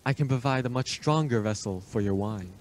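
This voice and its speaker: An actor playing a suave, imperious Transylvanian vampire count in a radio play, speaking with formal, deliberate, ominous politeness. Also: male voice, medium pitch, darkish tone, a little hiss or hum, natural voice. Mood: smoothly menacing.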